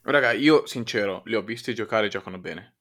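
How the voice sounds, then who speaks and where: A man's voice: on the low side, a little fast, fairly bright tone. A man debating casually as a sports podcast panelist.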